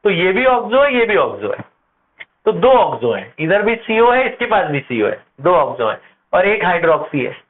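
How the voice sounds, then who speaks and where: A man teaching chemistry at a board, asking his class questions and answering them himself, slowing down to spell out compound names. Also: high voice. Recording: tinny phone-like audio with faint noise.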